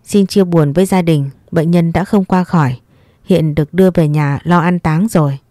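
A woman's voice: on the low side, moderate pace, dark tone, no room sound, clean studio sound, close to an everyday voice. A woman voicing a solemn hospital doctor.

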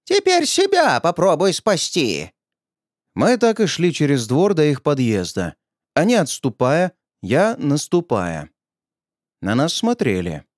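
A man narrating an audiobook in a lively, expressive reading. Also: a little high, measured pace, no echo, clean studio sound.

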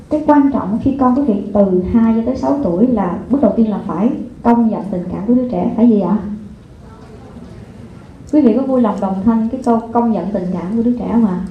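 Woman lecturing in an echoey hall. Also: medium pitch. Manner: lively, addresses the audience with repeated rhetorical questions. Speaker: parenting seminar speaker. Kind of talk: live seminar talk to an audience. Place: lecture hall before an audience. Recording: echoey hall over a phone-like line, faint noise.

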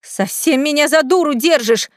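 Woman voicing a sharp-tongued young mistress. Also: fairly low pitch, steady tone, brisk, dry recording, clean studio sound, pitched below the performer's own voice, natural voice. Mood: furious. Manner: snapping, shrieking.

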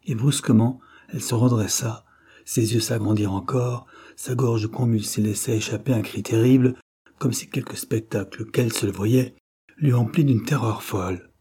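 A man narrating a novel in a dramatic, expressive reading. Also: medium pitch, normal speed, slightly rough. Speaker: audiobook narrator. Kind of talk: scripted literary narration.

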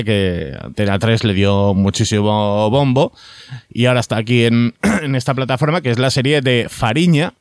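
Smooth-voiced man chatting about TV. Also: medium pitch, dry recording, studio quality. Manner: rambling, with many fillers and restarts. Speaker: podcast co-host. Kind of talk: casual chat about TV series.

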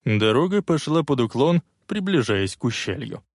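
Male audiobook narrator, expressive and lively, dry close sound. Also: medium pitch, normal speed, no echo. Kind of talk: dramatic audiobook reading.

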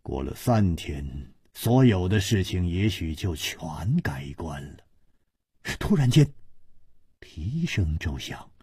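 Husky slow dramatic male storyteller. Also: deep voice, very animated, a little mellow, no echo, studio quality. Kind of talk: expressive novel-reading storytelling.

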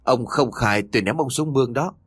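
A man's voice: mid-range voice, a little fast, breathy edge, dry recording, clean studio sound, soft background music, pitched above the performer's own voice, close to an everyday voice. A man playing a young village man who angrily threatens and demands answers. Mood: threatening. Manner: forceful, threatening.

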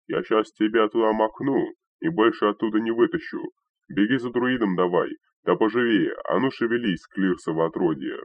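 A man voicing a gruff, bossy man who scolds and shouts orders, in a dull, dry recording. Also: fairly low pitch, normal speed, no room sound, voice pushed up. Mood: angry.

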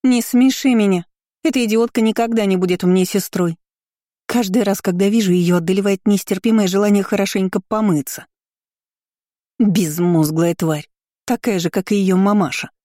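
A woman's voice: lowish voice, fairly even intonation, normal speed, few pauses, dark tone, no room sound, studio quality, natural voice. A woman reading an audiobook voices a spiteful, haughty young noblewoman who speaks with open contempt. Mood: sneering. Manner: sneering, contemptuous. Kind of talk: audiobook character voicing.

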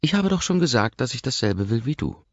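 A male audiobook narrator voices a young woman in love, speaking in a soft, coy and teasing way. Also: medium pitch, sing-song, a little fast, no room sound, highs cut off, voice pushed up. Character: young woman, shy yet teasing lover.

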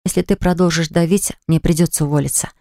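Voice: mid-range voice, steady tone, quick pace, warm tone, no room sound, clean studio sound, natural voice. A reader voicing a hurt, indignant young pregnant woman who reproaches her fiancé in an audiobook. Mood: pleading.

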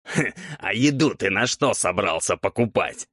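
A man's voice: fairly low pitch, expressive, measured pace, a bit bright, slightly rough, no room sound, studio quality, heavily acted. A man voicing a playful, sly male ghoul mentor who teases his pupil, in an audiobook. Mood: practical. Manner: teasing, amused. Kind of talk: audiobook character voice.

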